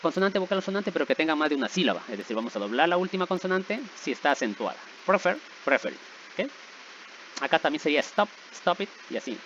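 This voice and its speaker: A man's voice: a little high, sing-song, fast, fairly bright tone, a little hiss or hum. Patient man teaching, slightly dull recording. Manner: patient, repeats checks like "¿verdad?" and "¿sí?". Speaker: English teacher. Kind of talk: explaining grammar rules.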